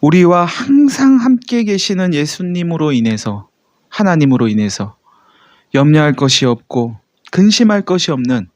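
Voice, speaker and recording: A man's voice: a little high, big pitch swings, moderate pace, darkish tone, dry recording. A man, a pastor, preaching a sermon in a conversational way, with many rhetorical questions to the congregation.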